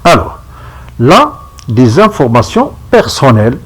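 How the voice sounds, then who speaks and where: A man giving a step-by-step software tutorial, checking in with his viewers as he goes. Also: medium pitch, very animated, slightly rough, rough recording. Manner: slow, step-by-step, checks in with "d'accord?". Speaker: instructor. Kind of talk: screen-recorded software tutorial.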